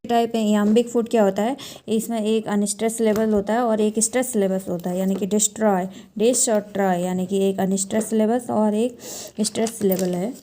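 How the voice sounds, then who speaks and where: Mellow-voiced woman teaching syllables. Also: mid-range voice, fairly even intonation, a little hiss or hum. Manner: slow, drawn-out word-by-word syllable breakdowns with frequent fillers. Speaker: English literature tutor. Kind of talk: explanatory online lesson.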